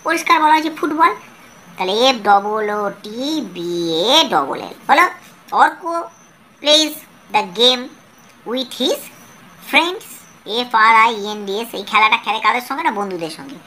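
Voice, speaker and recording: A woman teacher leads a children's lesson. Her voice is crisp, bright and fairly high, and she quizzes the class and answers herself. Faint room noise sits under her voice. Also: expressive. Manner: question-and-answer teaching, slow careful reading.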